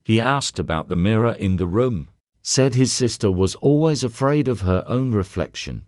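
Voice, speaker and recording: Man reading as a jittery nurse girl, halting answers, dry close sound. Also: lowish voice, lively intonation, a little mellow, no echo, close to an everyday voice. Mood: nervous. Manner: hesitant, nervous answers. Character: young woman nurse, frightened and trembling.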